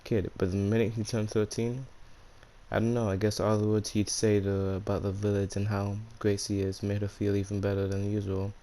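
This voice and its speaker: A man's voice: lowish voice, completely flat delivery, brisk, mellow, slight background noise. A man with a speech impediment that turns his R's into W's, hosting and narrating fan fiction in a casual, slangy way. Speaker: YouTube storyteller and channel host.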